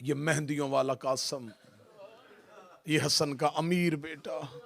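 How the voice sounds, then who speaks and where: Guy, high raspy voice, wailing sermon that climbs to shouting. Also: steady tone, slow. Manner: wailing, rising to shouted lament. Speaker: Shia majlis orator. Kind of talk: mourning sermon narration.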